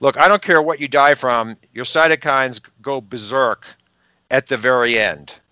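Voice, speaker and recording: Bright, emphatic man with a Boston accent. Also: medium pitch, clean tone, no echo. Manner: emphatic, rhetorical questions, quick asides. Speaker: podcast guest, health researcher. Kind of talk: explanatory interview talk.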